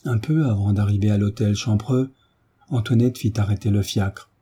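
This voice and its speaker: A man reading a novel aloud as audiobook narrator, with steady, measured storytelling. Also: on the low side, husky.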